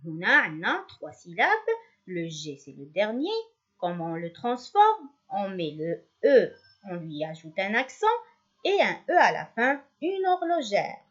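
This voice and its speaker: A woman teacher, giving a classroom lesson, drawing out syllables slowly with quick asides. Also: mid-range voice, sing-song, husky, dull audio. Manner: slow, drawn-out syllable drilling, switching to quick asides.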